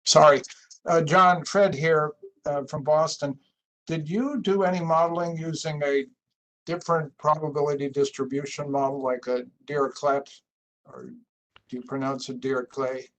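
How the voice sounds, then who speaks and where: A man's voice: a little high, steady tone, normal speed, fairly bright tone. A man on a video call asking questions and telling an example story, hesitant with many fillers. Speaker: committee member asking questions. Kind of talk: discussion in a video meeting. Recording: noisy line with clicks.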